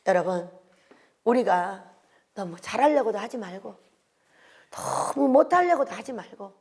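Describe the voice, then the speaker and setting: An older woman delivers an emotional sermon in a high voice with a gravelly edge of vocal fry. She swings from loud exhortation to hushed, breathy whispers. She keeps turning to the congregation with rhetorical questions. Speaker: preacher.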